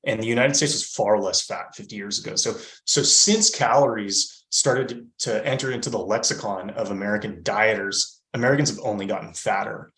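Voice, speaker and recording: A man's voice: mid-range voice, fairly bright tone, roomy sound. A man in his thirties, a fitness coach talking in a podcast interview, explaining emphatically and checking in with "right?". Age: 30s.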